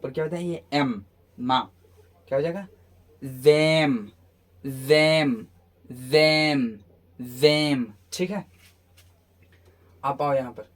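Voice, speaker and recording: An English pronunciation teacher with a fairly high voice gives a phonetics lesson at a measured pace, pausing often. He poses questions and answers them himself, drilling each sound several times.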